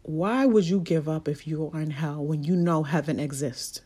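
A woman's voice: low voice, moderate pace, mellow, breathy edge. A woman speaking in a casual motivational monologue, candid and blunt, swearing freely as she preaches about faith and setbacks.

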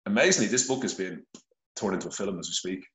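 Speaking fast and expressively in a low, slightly bright voice, a middle-aged Irishman shares his story as a podcast guest by phone, held close to his face, blunt, sincere and full of swearing. The low-quality recording is reverberant with a little hiss or hum.

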